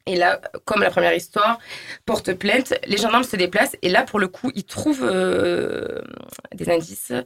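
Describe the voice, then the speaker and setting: A woman's voice: mid-range voice, a little slow, gravelly, a bit bright. A woman telling a ghost story on a radio show, hesitant, with many fillers. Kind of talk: casual storytelling. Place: radio studio.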